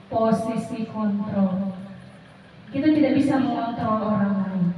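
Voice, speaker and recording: A woman leads a workshop for teachers and speaks in an encouraging, praising way. Her voice is high. She sounds distant and dull in a very echoey room, with faint noise behind her. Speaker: workshop facilitator. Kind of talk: addressing a group of teachers.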